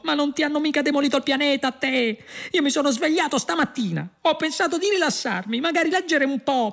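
A man voicing a panicky, put-upon male Englishman who complains in a high, strained voice. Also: vocal fry, sharp tone, heavily acted.

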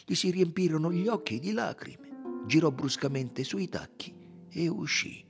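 A man reading a novel aloud in an expressive, measured way, sometimes dropping to hushed tones. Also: fairly high pitch, gravelly, over music. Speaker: audiobook reader.

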